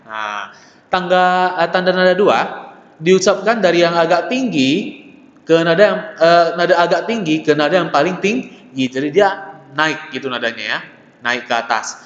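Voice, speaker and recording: A man teaches a beginner Mandarin lesson. His voice sits fairly high, and he patiently drills syllables, checking in with his students again and again. The recording is lo-fi and dull, with echo ringing around the room. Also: expressive, moderate pace, a bit bright. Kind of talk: classroom lesson explaining Mandarin tones. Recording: echoey, dull, lo-fi room recording with long reverb.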